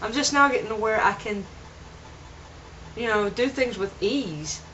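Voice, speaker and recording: A woman's voice: fairly high pitch, a little slow, bright, forceful tone. Young woman rambling on her vlog, earnest, kinda muffled lo-fi camera sound, little bit of hiss. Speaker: vlogger. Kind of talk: casual vlog monologue. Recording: dull lo-fi home video.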